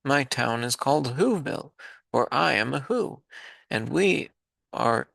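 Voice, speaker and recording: A man's voice: mid-range voice, lively intonation, measured pace, gravelly, fairly bright tone, dry recording, pitched above the performer's own voice, exaggerated voice. A man voicing a tiny, cheerful male mayor of a speck town, piping and eager. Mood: grateful.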